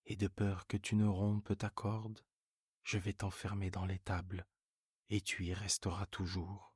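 A man's voice: deep voice, flat delivery, unhurried, slightly rough, no echo, clean studio sound, heavily acted. A man voicing a fond, worried old farmer who pleads and exclaims, in a bedtime story reading. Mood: pleading, alarmed.

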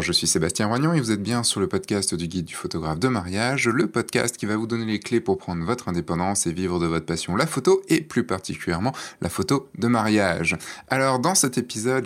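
A man's voice: fairly low pitch, lively intonation, a little fast. A man hosting a podcast, introducing his guest in a chatty, teasing way. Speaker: podcast host.

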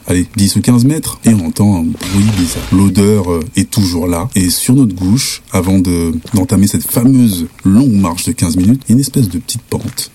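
A young man from France telling a spooky personal anecdote in lively, slangy casual speech. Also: deep voice, slight background noise. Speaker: storyteller.

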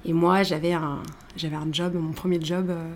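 A woman in her thirties, a guest telling her career story in a casual interview, animated, with many fillers and restarts. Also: on the low side, normal speed, slight background noise.

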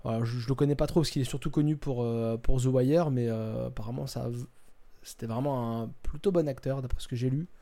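Mellow-voiced French man hosting casually. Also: mid-range voice, fairly even intonation, a little fast. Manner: hesitant, many fillers and restarts. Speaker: podcast host presenting a topic. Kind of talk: casual podcast chat.

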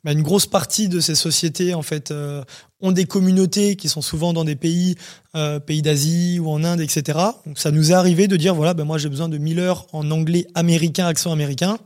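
A man's voice: fairly high pitch, steady tone, brisk, a little mellow. A man, a startup CEO, explaining his company in a casual interview, talking with many fillers.

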